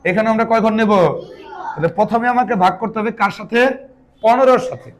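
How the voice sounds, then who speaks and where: Guy teaching long division, fairly high voice, keeps quizzing the kids and answering himself, teases them a bit. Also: brisk, slight background noise. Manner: asks pupils repeated questions, answers himself; chiding, teasing asides. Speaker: math teacher. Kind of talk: classroom math lesson.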